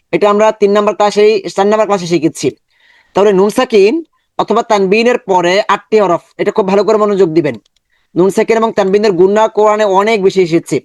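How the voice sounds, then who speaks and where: A man's voice: high voice, a little mellow, dry recording, studio quality. A man teaching a Quran recitation lesson, explaining rules patiently and repeating syllables aloud for practice, with a Bangladeshi Bengali accent. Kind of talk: step-by-step online lesson.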